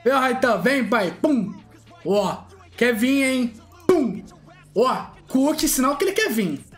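A man's voice: extremely high pitch, lively intonation, slow pace, soft background music. A man commentating his gacha pulls, boastful and taunting, drawing out chanted catchphrases. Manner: shouts and laughs loudly at lucky pulls. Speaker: gaming streamer. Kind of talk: excited gacha-pull commentary.

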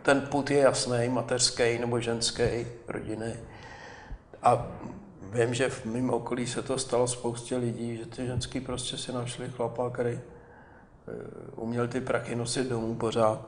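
An older man talks easily in a conversation, animated, pausing now and then with small hesitations. He is a guest being interviewed. His voice carries a noticeable roomy echo. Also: mid-range voice, slight background noise. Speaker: film director, guest.

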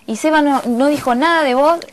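A young woman from Argentina speaks quickly with a Rioplatense accent, pressing her points and then turning to calm and console. Her voice sits somewhat high. She keeps asking to be heard out. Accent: Rioplatense Spanish. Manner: probing, then soothing and insistent. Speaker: reality show contestant.

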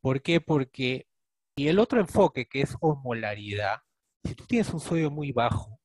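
A man with a Peruvian Spanish accent teaches a clinical case, thinking aloud and quizzing his students as he goes. His pitch sits in the middle range, and the sound is close and dry. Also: animated, normal speed, a little mellow, no room sound. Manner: explains step by step, often asks students questions with a rhetorical "¿no?". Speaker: attending physician teaching a case discussion.

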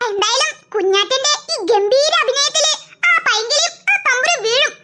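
A woman's voice: extremely high pitch, moderate pace, background noise. A woman doing a smug scheming schoolgirl. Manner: smug and bossy, giggling. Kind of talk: cartoon voice acting.

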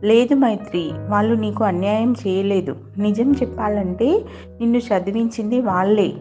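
A woman voicing a calm young woman, a childhood friend, who talks in a patient, explaining way. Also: mid-range voice, moderate pace, natural voice. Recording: slightly dull, faint music behind.

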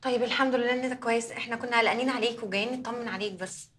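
A woman's voice: fairly high pitch, fairly even intonation, very fast, fairly bright tone, breathy edge. An actress playing a worried, soothing female friend in a TV drama, speaking Egyptian Arabic. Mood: coaxing. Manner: soothing, coaxing. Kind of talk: TV drama acting.

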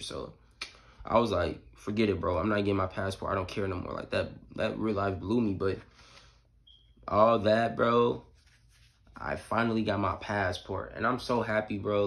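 A twenty-year-old American man vlogs to camera from a small room at home, talking casually in a slangy, emphatic way and repeating phrases for emphasis. His voice is fairly low and gravelly at a normal speed, picked up by a phone or camera at arm's length.

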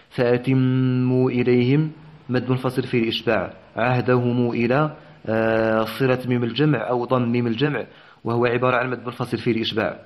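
A male teacher gives a tajweed lesson at a mid-range pitch. He moves through the rules quickly and matter-of-factly, with brief hesitations and the odd clearing of his throat. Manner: brisk explanation of recitation rules with filler pauses. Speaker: Quran recitation teacher.

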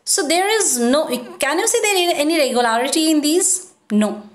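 A woman's voice: high-pitched, lively intonation, normal speed. A woman teacher explaining grammar step by step, repeating points and checking in with her students. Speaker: school teacher. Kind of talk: grammar lesson. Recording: echoey room.

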